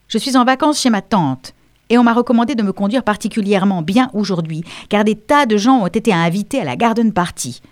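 A woman's voice: on the high side, a little mellow, dry recording, clean studio sound, voice pushed up, lightly acted. A woman voicing a precocious, self-assured English schoolgirl who speaks in a prim, articulate way, in an audiobook reading.

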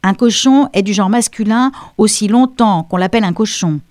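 A woman's voice: medium pitch, moderate pace, a little mellow, no echo, studio quality, natural voice. A woman voicing a precocious, self-assured English schoolgirl who speaks in a prim, articulate way, in an audiobook reading.

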